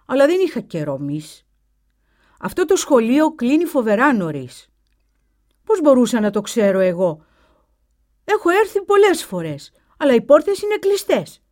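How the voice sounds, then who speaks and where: A woman's voice: high voice, sing-song, long pauses, darkish tone, pitched above the performer's own voice. A woman voicing a self-assured young schoolboy who talks in a casual, matter-of-fact way. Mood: offhand. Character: bold, offhand young schoolboy.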